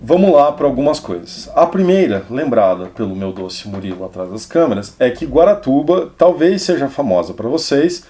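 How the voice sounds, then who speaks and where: A man casually talking about a novel to camera as a book reviewer, meandering and restarting sentences with drawn-out fillers. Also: medium pitch, very animated, warm tone. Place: indoor studio set with camera crew.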